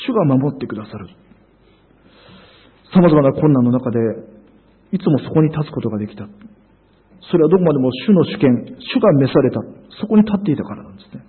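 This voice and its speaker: Man preaching earnestly, husky voice, thin phone-like sound, lots of little pauses. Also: medium pitch, sing-song. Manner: earnest, emphatic preaching with frequent hesitations. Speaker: pastor. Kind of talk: sermon.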